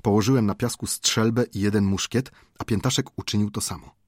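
A man reading an adventure novel aloud as an audiobook narrator, in a measured, dramatic storytelling manner. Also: lowish voice, fairly even intonation, slightly rough, no room sound, clean studio sound.

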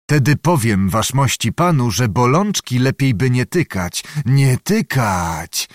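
A man's voice: mid-range voice, sing-song, slow, dry recording, clean studio sound. A man voicing a grave young lieutenant who speaks sternly and with restraint in a storybook reading. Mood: grim restraint. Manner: stern, controlled, solemn.

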